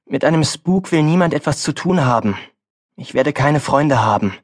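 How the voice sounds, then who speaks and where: A man's voice: a little high, lively intonation, moderate pace. A male audiobook narrator voicing a young farm boy who sounds hesitant and worried about leaving home.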